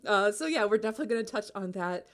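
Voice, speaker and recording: A woman's voice: mid-range voice, lively intonation, racing. A woman hosting a casual podcast chat, playful and teasing. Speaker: podcast host.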